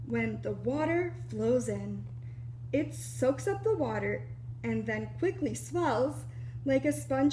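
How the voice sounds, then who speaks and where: Like a preschool teacher, a woman reads a children's picture book aloud, animated and explanatory, tossing in little asides for young listeners. Her voice is high, and the poor-quality audio carries slight background noise.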